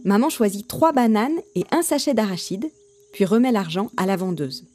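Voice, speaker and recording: A woman narrating a children's storybook with an expressive, lively reading. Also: mid-range voice, moderate pace, faint music behind.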